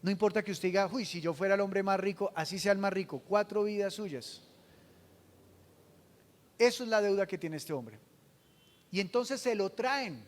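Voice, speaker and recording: A man preaching a sermon as pastor, asking the congregation questions and swinging from hushed to loud. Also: high-pitched, fairly quick, in a large hall. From Colombia.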